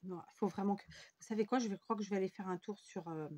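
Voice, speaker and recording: Talking fast in a darkish, mid-range voice, a woman from France hosts a scrapbooking tutorial from her craft table. She rambles and mocks herself as she works.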